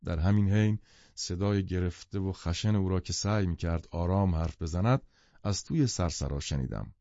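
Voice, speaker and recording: A man narrating an audiobook in a measured, even reading. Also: low-pitched, no echo, dull audio. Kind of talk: scripted literary narration.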